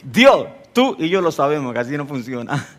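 A man preaching a sermon, telling stories in an animated way and rising to emphatic peaks. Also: fairly high pitch, moderate pace.

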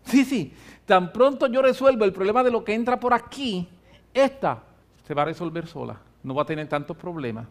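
A middle-aged man, preaching a sermon as pastor, fervent and emphatic, with slow stressed words and shifts from loud to soft. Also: high-pitched, lively intonation.

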